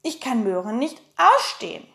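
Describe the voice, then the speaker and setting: Brief: hoarse cheeky girl adventurer for a storybook, read by a woman, high, bouncy, playful. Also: big pitch swings, normal speed, bright, forceful tone, slight background noise, heavily acted. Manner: boastful, playful. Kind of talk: audiobook reading.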